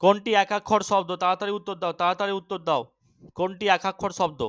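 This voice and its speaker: A young man teaching an exam-prep grammar lesson, often checking that students follow and urging them to answer quickly. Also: high voice, level tone, a bit bright, no echo. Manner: keeps checking understanding, urges quick answers.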